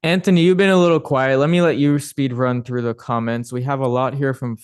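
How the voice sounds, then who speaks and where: Smooth-voiced man hosting a chat. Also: medium pitch, brisk. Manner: relaxed, chatty, laughs often. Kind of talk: casual livestream chat.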